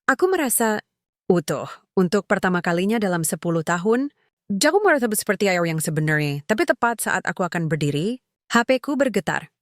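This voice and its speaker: A woman telling a first-person story in a measured, emotional storytelling manner. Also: medium pitch, big pitch swings, no echo, clean studio sound. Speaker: narrator.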